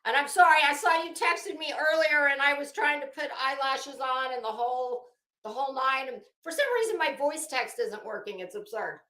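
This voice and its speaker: A woman hosts a casual livestream, chatting with viewers in a gossipy way full of chuckles and coy asides. Her voice is high-pitched and sharp, at a moderate pace. The room sounds roomy and echoey.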